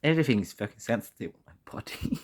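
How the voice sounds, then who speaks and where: A man talking casually and candidly in a personal vlog, halting often and swearing mildly. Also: medium pitch, expressive. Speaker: vlogger.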